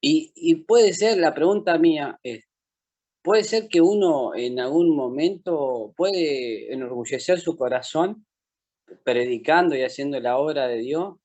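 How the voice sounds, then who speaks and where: A man's voice: fairly high pitch, a little slow, darkish tone. A man, a street evangelist, asking his pastor a question in a conversational way and often tagging phrases with a question. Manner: conversational, tags phrases with "verdad".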